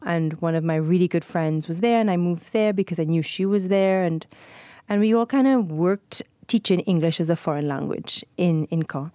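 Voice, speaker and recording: A woman, answering interview questions in a relaxed, chatty way with many fillers. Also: lowish voice, normal speed, no echo, studio quality. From Trinidad. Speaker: guest.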